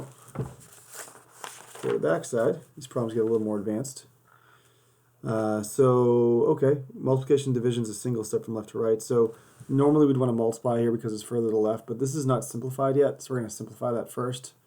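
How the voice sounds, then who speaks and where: In a relaxed worked-example math lesson, a man solves problems step by step even as his voice fades. His mid-range voice is creaky and warm with a breathy edge, picked up by a camera above a desk that films his paper and hands.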